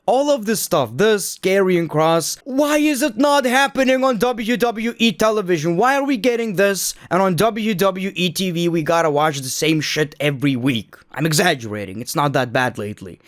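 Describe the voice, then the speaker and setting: Higher-pitched man, dry close sound, joking commentary. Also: lively intonation, normal speed, few pauses, dry recording. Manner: joking, sarcastic, swearing freely. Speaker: wrestling commentary host. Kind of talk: casual opinionated reaction commentary.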